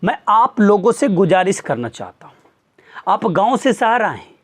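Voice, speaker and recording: A man's voice: high-pitched, big pitch swings, a little slow. A man, a teacher, earnestly lecturing his students with pointed rhetorical questions. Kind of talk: motivational talk to students.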